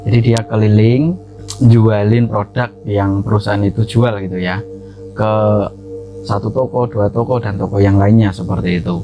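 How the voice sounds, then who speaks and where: A man's voice: on the low side, steady tone, normal speed, muffled recording, music in the background. A man hosting a horror story channel, narrating a submitted story in a chatty, loose way with frequent fillers and asides.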